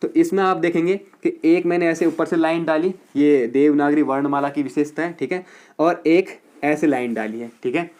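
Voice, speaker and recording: A male teacher with a fairly high voice gives a grammar lesson for exam students. He explains point by point and keeps checking in with his class. He repeats words slowly to demonstrate their pronunciation. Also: darkish tone. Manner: explains step by step, repeating "ठीक है" to check understanding.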